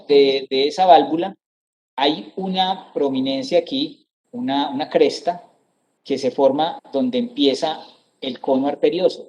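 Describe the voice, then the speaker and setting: A man's voice: on the high side, a little mellow, a little hiss or hum. A middle-aged man giving an anatomy lecture over slides, explaining step by step, repeating terms and often checking with his students.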